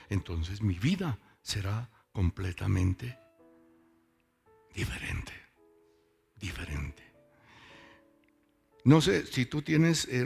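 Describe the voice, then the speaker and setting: Man, pastor, sermon to a congregation, low husky voice, soft music behind. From Boyacá, Colombia. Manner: conversational, asks the congregation questions. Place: church service with congregation.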